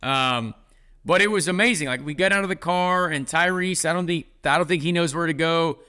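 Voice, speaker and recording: A man's voice: a little high, a little fast, sharp tone, clean tone. A man hosting a podcast, telling a long casual story with lots of "like" fillers. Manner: rambling, heavy use of "like". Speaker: podcast host.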